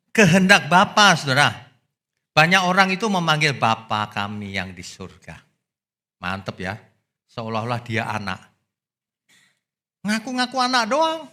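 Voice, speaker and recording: A male pastor preaching a sermon, swinging from loud exclamations to low asides. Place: church.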